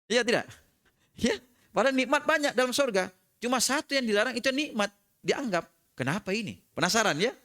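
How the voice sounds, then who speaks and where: High-voiced man preaching a sermon. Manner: slow chanted Arabic recitation, then lively joking explanation. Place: prayer room.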